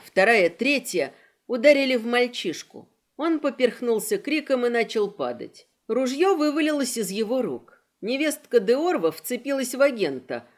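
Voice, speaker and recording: A woman narrating a fantasy audiobook in an expressive, dramatic reading. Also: a little high.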